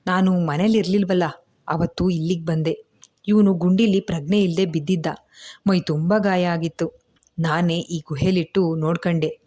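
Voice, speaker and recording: A woman reading as a devoted young village man, eager and plain-spoken. He talks in rustic dialect, lifted above a low, mellow reading voice. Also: lightly acted.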